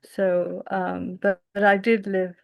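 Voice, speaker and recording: Woman from england being interviewed, slow and thoughtful, kinda gravelly. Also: mid-range voice, level tone, highs cut off. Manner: reflective and thoughtful, searching for words. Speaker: interview guest. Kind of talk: conversational interview.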